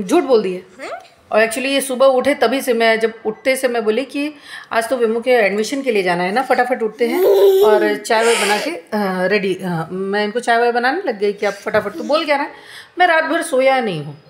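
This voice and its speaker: A woman's voice: fairly high pitch, moderate pace, reverberant. A woman in her thirties venting to camera at home, complaining in an aggrieved, repetitive way. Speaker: vlogger.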